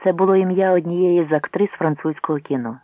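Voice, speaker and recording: A man's voice: a little fast, dry recording. A man narrating a novel aloud, changing his voice for the characters' lines. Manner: voices characters by shifting pitch. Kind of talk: audiobook reading with acted dialogue. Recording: tinny phone-like sound.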